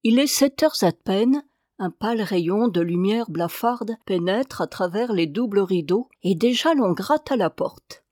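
A woman reading a classic novel aloud as an audiobook, tender and expressive. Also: medium pitch, measured pace, dry recording, clean studio sound. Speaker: audiobook reader.

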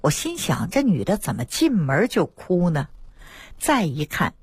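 A woman traditional Chinese medicine doctor, giving a lively radio health talk and acting out her patients' words. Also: fairly low pitch, a little slow, slightly rough, no room sound. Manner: lively storytelling, acts out patients' quoted words. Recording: dry radio studio.

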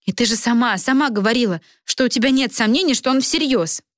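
A woman's voice: a little high, brisk, no echo, studio quality, voice pushed up, lightly acted. A woman voicing a cheerful, lovestruck young woman student in an audiobook who chatters dreamily. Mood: earnest.

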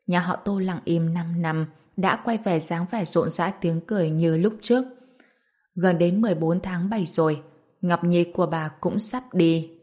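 A woman reads a family story aloud in a calm, steady way. Her voice sits fairly low for a woman and moves at an even pace. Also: normal speed. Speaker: narrator. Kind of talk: storybook narration.

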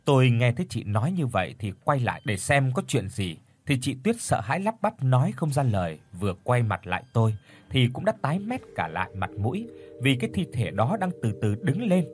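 A man's voice: medium pitch, sing-song, a little fast, a little mellow. A man narrating a horror story in a dramatic storytelling manner.

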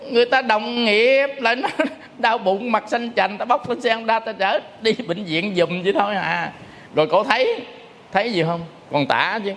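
Male buddhist monk, sermon, lively storytelling, rhetorical questions, high voice, long hall echo. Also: moderate pace, slight background noise. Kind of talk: dharma talk sermon.

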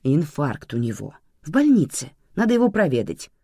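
A woman voicing a calm, matter-of-fact grandmother in an audiobook, placating and dismissive. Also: sits low, normal speed, slightly rough, dry recording, studio quality, heavily acted. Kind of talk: audiobook reading.

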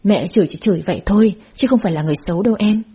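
A woman's voice: medium pitch, very fast, warm tone, husky. A woman voicing an affectionate young man who coaxes his girlfriend. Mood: coaxing. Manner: coaxing, affectionate.

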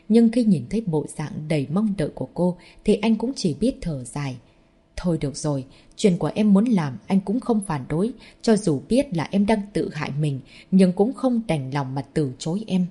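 Female audiobook narrator, low and husky, steady scripted reading, voices all the parts.

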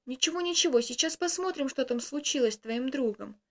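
A woman voicing a kindly old village grandmother with a hoarse voice, fussing and soothing. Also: high-pitched, expressive, brisk.

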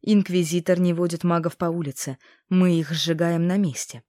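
A cold, mocking male inquisitor, put on by a woman reading an audiobook, who drags out his threats slowly and deliberately. The voice sits a little low, and the recording is close and dry. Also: fairly even intonation, dark tone, no room sound, natural voice. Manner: slow, measured, threatening. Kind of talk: audiobook character voice.

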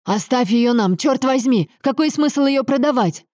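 A woman reader voicing an angry young adult son who shouts and hisses accusations at his father. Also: very high-pitched, quick pace, no room sound, studio quality, voice pushed up. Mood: furious. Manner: shouting, hissing, bitter interrogation.

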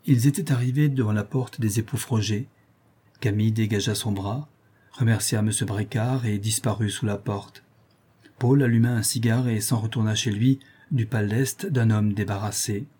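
A man narrating a classic novel as an audiobook, reading the dialogue in a measured, even way. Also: lowish voice, husky.

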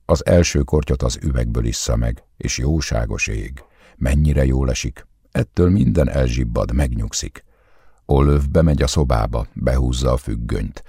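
Male audiobook narrator, calm and measured; very deep, dark voice, dry recording. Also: breathy edge, no echo. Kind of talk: scripted narration.

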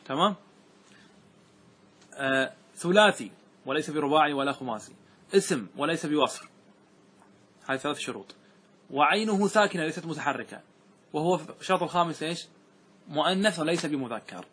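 A man's voice: fairly high pitch, animated, brisk, pauses often, fairly bright tone, breathy edge. A man teaching Arabic grammar to a class, explaining a verse text, reciting lines and often checking that his students follow. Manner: keeps checking students follow, asks them questions; repeats examples and recites verses in a raised voice.

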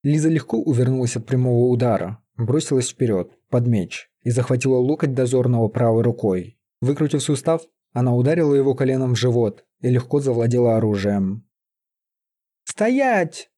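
Mellow male audiobook narrator. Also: medium pitch, a little fast, hardly any pauses.

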